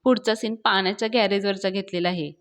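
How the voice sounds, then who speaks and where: A woman narrating a brisk recap of a TV serial episode. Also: medium pitch, fairly even intonation. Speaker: serial reviewer.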